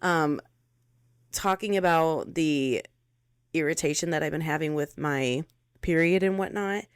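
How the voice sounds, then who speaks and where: Low-voiced, cussing American woman venting. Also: measured pace, clear, resonant tone, no echo, studio quality. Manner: profane, blunt, venting. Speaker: podcast host. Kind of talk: casual solo podcast monologue. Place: her bedroom.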